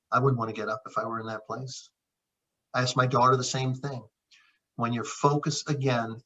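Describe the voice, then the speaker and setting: Middle-aged man, husky voice, earnest reflective storytelling, muffled lo-fi sound. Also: mid-range voice, bright, forceful tone. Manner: earnest, reflective, addresses the other host by name often. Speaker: naturopath and chiropractor. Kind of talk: heartfelt conversational storytelling. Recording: dull lo-fi sound.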